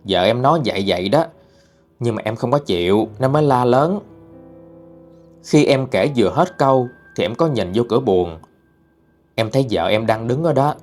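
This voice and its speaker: A man's voice: medium pitch, expressive, normal speed, long pauses, a little mellow. A man narrating a first-person ghost story in a plain, mournful way. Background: faint music.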